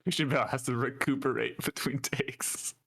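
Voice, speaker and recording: A man co-hosting a casual comedy podcast, speaking in an even, mid-pitched voice. He drops dry, wry asides into the banter. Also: normal speed, vocal fry, breathy edge. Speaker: podcast co-host.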